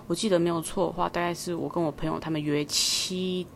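A young woman with a Taiwanese Mandarin accent tells a story at a quick clip in a casual podcast chat. Her voice sits on the low side, and she tells it in a lively, animated way. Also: creaky, slight background noise. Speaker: podcast co-host.

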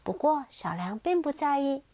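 A woman gently reading a bedtime story aloud as the storyteller, expressive and close to the mic. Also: high voice, normal speed, no echo.

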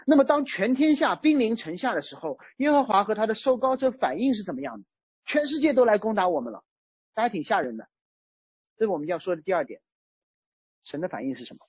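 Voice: mid-range voice, big pitch swings, a little fast, long pauses, darkish tone, husky, no echo, lo-fi sound. A preacher giving a sermon in a conversational way, using everyday examples. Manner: conversational, uses everyday chat-group analogies. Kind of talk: sermon on a psalm.

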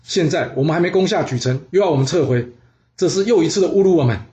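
A man's voice: on the high side, fast talker, mellow, highs cut off, close to an everyday voice. A man voicing a proud, defiant ancient warrior with an indignant tone.

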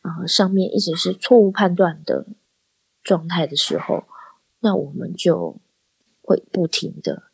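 A low-voiced woman host chatting casually and thoughtfully, often pausing to hunt for the right word. Her voice is gravelly and husky. The sound is dry and close, with no room echo. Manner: reflective, searching for words. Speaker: podcast host. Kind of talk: casual talk. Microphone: phone-app voice recording.

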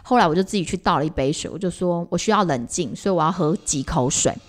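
This woman, a mother co-hosting a podcast, has a lowish voice and talks fast. She recounts family moments in a casual chat, animated and full of fillers and restarts.

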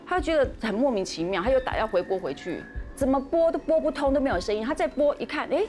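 A woman's voice: high-pitched, expressive, fast, darkish tone. A woman, hosting a podcast and dramatically telling a ghost story, with frequent fillers and restarts. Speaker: podcast host. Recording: podcast with music underneath.

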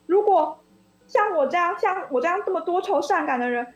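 A woman's voice: very high-pitched, expressive, fairly quick, reverberant, lo-fi sound, voice pushed up. A woman doing a tender-hearted little storybook rabbit. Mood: tearful. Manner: tender, weepy storybook reading. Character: soft-hearted little rabbit, young and tearful.

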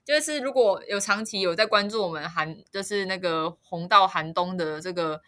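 A young woman with a Taiwanese Mandarin accent, co-hosting a podcast in a casual chat, laughing often and filling pauses with hesitations. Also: on the low side, bright, forceful tone. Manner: chatty, laughs often, many hesitant fillers. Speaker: podcast co-host.

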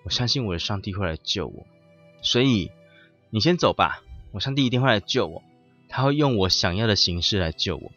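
A stubborn, devout man refuses every offer of help in a firm, insistent tone, as a man puts him on while telling a story. His voice sits low and moves a lot. The recording is muffled, with soft music underneath. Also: lively intonation, brisk.

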